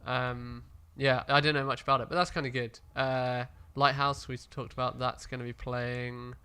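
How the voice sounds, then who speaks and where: A man co-hosting a podcast, talking in a loose, rambling way full of ums and restarts. His voice is bright and forward, with a smooth, clean timbre. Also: medium pitch, flat delivery, moderate pace. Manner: rambling, hesitant, full of fillers. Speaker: podcast co-host. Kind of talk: casual chat.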